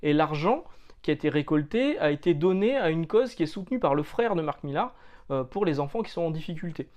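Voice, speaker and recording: A man's voice: fairly high pitch, lively intonation, brisk, darkish tone. Chatty French man reviewing comics. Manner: chatty, many hesitations and fillers; jokey, loose slang.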